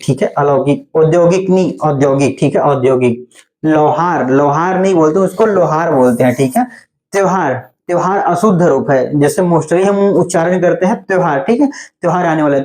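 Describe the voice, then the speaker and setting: A male teacher giving an online Hindi spelling class. He explains slowly and patiently, often stopping to ask whether it is clear. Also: on the high side, darkish tone. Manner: explains patiently, often says "theek hai" to check in.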